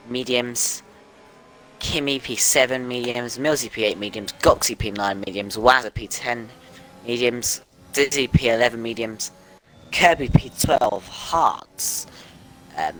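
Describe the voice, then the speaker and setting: Bright-voiced man calling a sim race. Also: mid-range voice, low-quality recording. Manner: chatty, reels off grid positions quickly. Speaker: sim racing commentator. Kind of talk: casual live race commentary.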